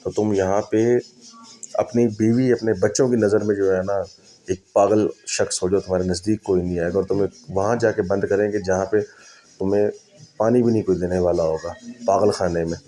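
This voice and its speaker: A man telling a first-person spooky story in a dramatic, unhurried way, repeating phrases for effect. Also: deep voice, fairly even intonation, warm tone, soft background music.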